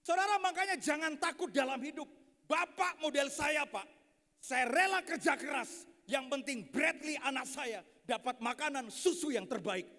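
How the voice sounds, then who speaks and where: A man in his thirties preaching a lively, joking sermon full of stories, constantly addressing the audience. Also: very high voice, moderate pace. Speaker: pastor. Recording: echoey hall.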